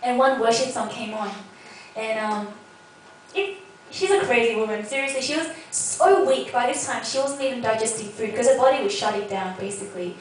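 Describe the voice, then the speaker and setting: A woman's voice: on the high side, moderate pace. Young woman, earnest testimony, heard from a distance in a very echoey space with faint noise. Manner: earnest, heartfelt storytelling. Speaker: speaker sharing a personal testimony. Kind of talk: spoken personal testimony.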